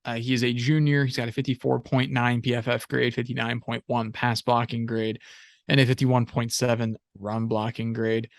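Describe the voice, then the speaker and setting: Gravelly-voiced young sarcastic co-host. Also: male voice, mid-range voice, level tone, normal speed, no room sound, studio quality. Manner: sarcastic, lots of "like" and restarts. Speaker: podcast co-host. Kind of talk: casual football podcast chat.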